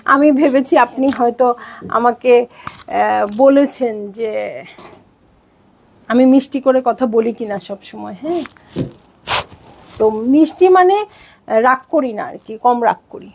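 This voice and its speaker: Chatty high-voiced Bangladeshi woman seller. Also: slow pace, gravelly, long pauses, slight background noise. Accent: Bangladeshi Bengali. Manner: chatty, bubbly, code-switching to English. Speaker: online clothing seller. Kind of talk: live sales stream.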